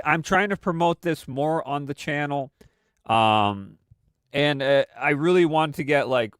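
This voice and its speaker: A man with a fairly high, fairly bright and smooth voice hosts a weekly live stream, still congested from a cold. His casual commentary rambles with many fillers and restarts, captured in a dry, studio-quality recording.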